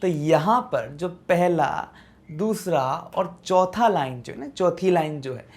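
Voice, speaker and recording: This is a woman teaching a poem lesson, her voice sitting low and her delivery slow and deliberate. She reads text, then breaks it down in Hindi, checking in with students again and again. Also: a little mellow. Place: classroom-style video lesson.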